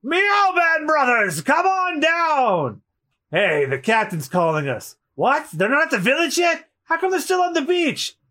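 Guy doing a scaredy whiny cat pirate guard, really high, over the top and all over the place. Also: expressive, normal speed, hardly any pauses, fairly bright tone. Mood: excited, whiny.

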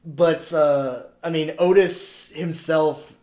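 A man co-hosting a podcast, chatting casually about films with lots of fillers and animated quoting. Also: fairly high pitch, slow. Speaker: podcast co-host. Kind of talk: casual film discussion.

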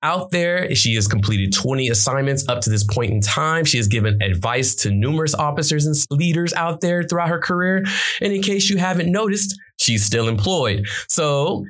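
A man's voice: on the high side, lively intonation, normal speed, fairly bright tone. A man hosting an interview show as a military captain, talking in an emphatic, promotional hype-man style. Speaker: podcast host, military captain.

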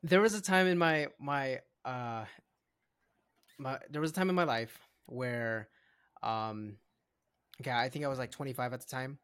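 A young adult man co-hosting a casual podcast, talking in an animated, rambling way with frequent restarts. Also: mid-range voice, normal speed, long pauses, smooth. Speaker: podcast co-host. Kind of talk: casual chat.

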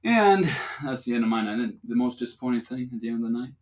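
Speaking fast and expressively at a medium pitch, this young podcast host rambles through a profane story. The chat is casual, and he laughs a lot along the way.

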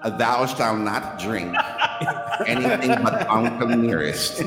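A slow, solemn West Indian God. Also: male voice, on the low side. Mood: solemn decree. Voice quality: solemn, biblical. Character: booming Moses-like God giving commandments. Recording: echoey reverb with music under it.

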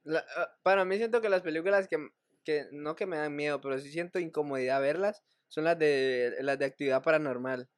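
A podcast co-host in casual chat, telling about scary films and dreams with many halting repeats. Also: medium pitch, dry recording, clean studio sound.

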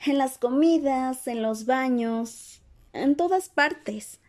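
A woman's voice: on the high side, normal speed, a little mellow, pitched above the performer's own voice, close to an everyday voice. A woman voicing a clever, bossy teenage schoolgirl in a dramatized audiobook reading, earnest and patiently explaining. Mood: matter-of-fact.

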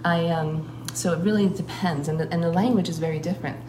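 A shamanic priestess appearing as a guest speaker talks earnestly and fluidly in a casual account, pausing often with fillers as she searches for words. Her voice is on the low side and steady in tone, with music playing behind her. The recording is roomy, with clear background noise.

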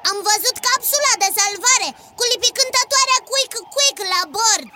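A small lively cartoon hero. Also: female voice, very high-pitched. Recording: loud hiss under the voice.

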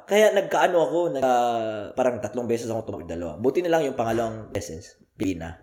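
Speaking a little fast at medium pitch, a man with a Filipino accent hosts a podcast full of casual banter. He tells his stories animatedly and laughs a lot along the way.

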